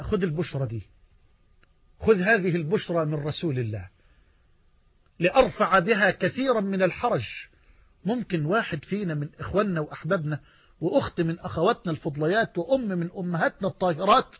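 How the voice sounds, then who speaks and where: A man preaching a sermon in an Egyptian Arabic accent, fervent, swinging between soft pleading and loud emphasis. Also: high voice, slightly rough, no room sound, dull audio.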